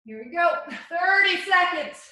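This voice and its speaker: A woman's voice: extremely high pitch, animated, unhurried, bright, forceful tone. A woman leading a workout as an aerobics instructor, energetically calling out short encouraging commands and counts while exercising. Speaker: fitness instructor. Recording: echoey room, distant microphone.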